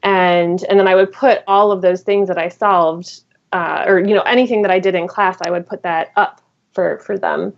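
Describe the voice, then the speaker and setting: A woman's voice: fairly low pitch, fairly even intonation, normal speed, creaky. A woman teacher and guest author in a casual podcast conversation, thinking aloud with fillers and restarts. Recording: dull lo-fi recording.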